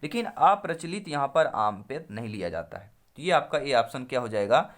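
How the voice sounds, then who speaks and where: A man's voice: mid-range voice, very animated, moderate pace. A man teaching a Hindi exam-prep lesson, going through questions one by one, calling viewers his friends, repeating each answer and asking them to reply. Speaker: Hindi teacher at a coaching channel.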